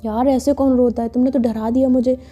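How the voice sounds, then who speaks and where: A woman's voice: sits high, flat delivery, brisk, dark tone, husky, muffled recording, soft background music. A woman voicing a caring young college woman who stammers through apologies and coaxes her friend to stop crying. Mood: apologetic, tender.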